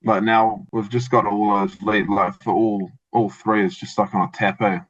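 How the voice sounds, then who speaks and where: A man's voice: lowish voice, flat delivery, normal speed. A man with a broad New Zealand accent chatting casually and colloquially as a tradesman giving a testimonial. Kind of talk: casual interview chat. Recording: dull, lo-fi audio.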